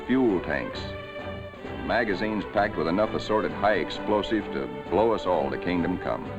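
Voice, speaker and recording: A low-pitched man gives measured, solemn scripted narration for a 1940s wartime documentary. It's on an old film soundtrack with dull audio.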